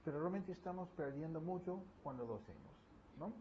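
A man's voice: a little high, lively intonation, a little fast, dark tone. A middle-aged man, preaching a conversational sermon in church and acting out little quoted scenes with humor. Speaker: pastor. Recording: slightly dull recording with faint background noise.

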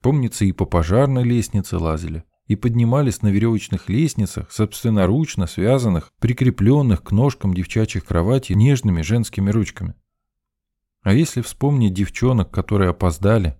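Male audiobook narrator, low mellow voice, wry ironic delivery, dry close recording. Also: dry recording. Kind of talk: scripted first-person narration.

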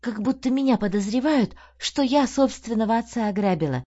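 A woman voicing an eager, earnest young woman who speaks in a lively, raised voice. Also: on the high side, fairly quick, pitched above the performer's own voice. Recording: dull lo-fi audio.

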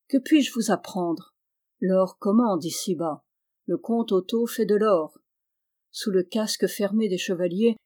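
Woman reading a proud young baron, grave, measured, storybook reading. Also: mid-range voice, dark tone, natural voice.

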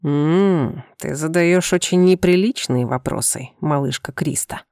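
Brief: a flirtatious alien man with a tail for an audiobook, low gravelly voice, soft and teasing, read by a woman. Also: a little slow, dry recording, clean studio sound. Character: playful seductive male alien with a tail.

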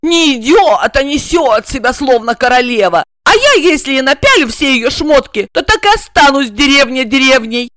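A woman voicing a jealous, tearful young woman who hurls shrill, sobbing accusations at her boyfriend in an audiobook drama. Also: huge pitch swings, moderate pace, fairly bright tone, no echo, studio quality, full character voice. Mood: bitter, shouting.

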